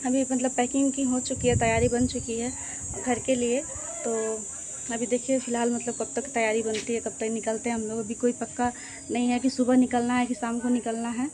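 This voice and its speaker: A woman's voice: on the high side, little pitch movement, normal speed, background noise. Chatty woman vlogger, Bhojpuri-tinged Hindi. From eastern Uttar Pradesh, India. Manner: chatty, repeats "what to say" often. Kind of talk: casual vlog chat. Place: outdoors at a village home.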